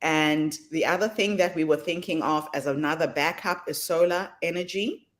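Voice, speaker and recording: A woman hosting an online summit, speaking in a brisk, practical and earnest way. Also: sits low. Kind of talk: casual chat on a video call.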